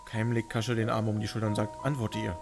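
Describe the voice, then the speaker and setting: A man's voice: on the low side, completely flat delivery, quick pace. A man reading a video game's story aloud as dramatic narration. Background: music.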